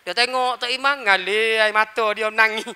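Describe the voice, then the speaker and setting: Brief: male preacher, Malaysian Malay accent, high, bright voice, lively storytelling sermon with long hall reverb. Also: moderate pace, clear, resonant tone. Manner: animated storyteller, acts out dialogue. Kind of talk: sermon talk with humorous story. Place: mosque prayer hall.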